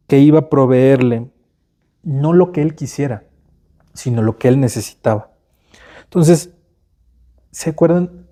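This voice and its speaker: A man's voice: fairly high pitch, mellow. A man with a Mexican Spanish accent preaching a sermon in a conversational, casual way, often tagging questions onto his sentences. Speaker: pastor.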